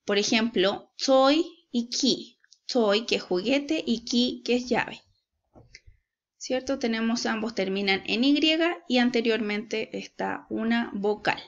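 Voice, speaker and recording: A Chilean woman teaching an English lesson in an unhurried, patient way, often pausing to check that her class is following. Her voice sits a little high. The recording sounds dull and lo-fi, like a home recording. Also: fairly even intonation, vocal fry. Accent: Chilean Spanish. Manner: slow, patient, checks in with "¿cierto?".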